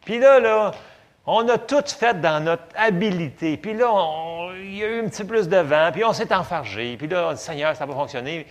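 A male pastor with a Quebec French accent delivers his sermon in a lively, swinging voice that sits a little high for a man. He talks to the congregation casually and then breaks into sudden loud bursts. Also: normal speed. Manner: animated, conversational preaching with sudden loud bursts.

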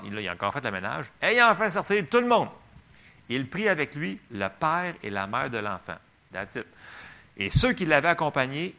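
A man's voice: mid-range voice, bright, forceful tone. A man with a Québécois French accent preaching a sermon, reading Bible verses and chatting with the congregation in asides. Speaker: pastor.

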